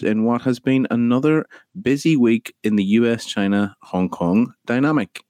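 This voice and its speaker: A man's voice: fairly low pitch, darkish tone, no echo. A man with a Northern Irish accent, hosting a news podcast as a journalist with scripted introductions and interview questions.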